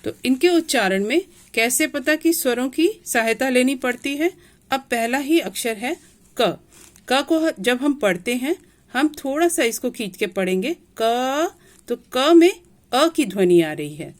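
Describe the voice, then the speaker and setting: Slow, lively-pitched woman teaching Hindi letters. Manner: patient, repeats each point slowly. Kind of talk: classroom lesson explaining letters.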